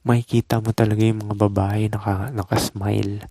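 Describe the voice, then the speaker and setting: A man's voice: fairly low pitch, little pitch movement, a little fast, warm tone, no echo. A man from the Philippines giving casual dating and self-improvement advice in a laid-back, instructive monologue full of short loose phrases and tag questions.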